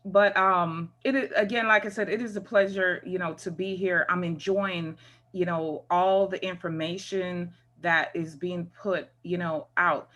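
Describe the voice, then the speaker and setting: A retired first sergeant from Jamaica, speaking with a Jamaican accent, gives conversational remarks on a video call for a virtual conference, often filling pauses with "you know" and "um." She has a lowish, slightly bright voice with a steady tone and talks a little slowly.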